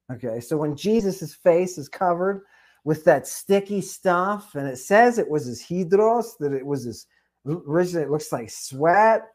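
Animated man with frequent "right?" tags. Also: a little high. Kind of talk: conversational podcast discussion.

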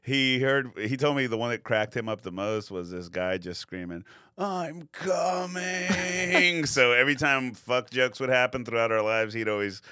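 A man co-hosting a casual comedy podcast, tossing in quick wisecracks and laughing often. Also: fairly low pitch, sharp tone, clean tone, dry recording, studio quality. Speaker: podcast co-host.

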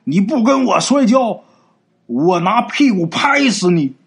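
Huge dim coffin spirit, booming and high, slow and pushy, for a spoken ghost story, a man putting it on. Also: big pitch swings, gravelly, husky, exaggerated voice. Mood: boisterous. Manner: booming, drawn-out, pestering. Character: huge dim-witted male coffin spirit, wrestling-mad.

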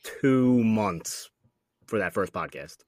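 A man's voice: lowish voice, lively intonation, takes it slowly, darkish tone, dry recording, studio quality. A man co-hosting a podcast, chatting casually. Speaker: podcast co-host. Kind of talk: casual chat.

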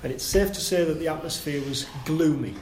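Man, podcast host, casual football chat, slightly high pitch, roomy sound. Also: a little fast, slight background noise. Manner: relaxed, conversational, leads questions with fillers. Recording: echoey room with faint ambience.

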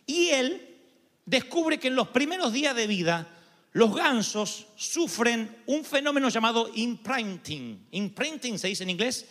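High-voiced Argentine preacher in a reverberant hall. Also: male voice, a little slow. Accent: Argentine Spanish. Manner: animated, imitates voices and goose honks for humor. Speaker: pastor. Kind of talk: sermon.

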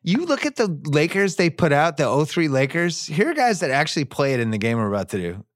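A man hosting a podcast, telling sports stories in a casual, animated way with wry asides. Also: fairly high pitch, brisk, no echo, studio quality. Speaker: podcast host.

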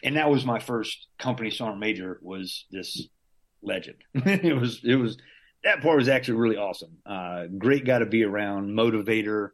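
A middle-aged man from Southern Louisiana, a Green Beret veteran appearing as an interview guest, tells stories in a casual, conversational way. His voice sits on the low side and moves at a moderate pace. He rambles, restarting often and chuckling throughout.

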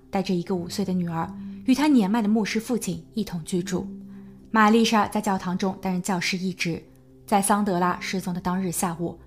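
Woman narrating a true crime story. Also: medium pitch. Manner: measured storytelling with suspenseful emphasis. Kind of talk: scripted narration.

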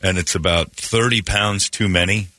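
A man's voice: low-pitched, steady tone, moderate pace, bright, forceful tone, dry recording. A man hosting a radio talk show, giving blunt, opinionated rants in casual studio chat.

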